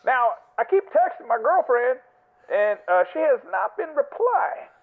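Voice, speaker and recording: A man's voice: extremely high pitch, big pitch swings, measured pace, heavily acted. A man putting on a cheerful, clueless caller who rambles obliviously and chuckles, heard as a voicemail over a phone line. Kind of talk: comedic prank voicemail.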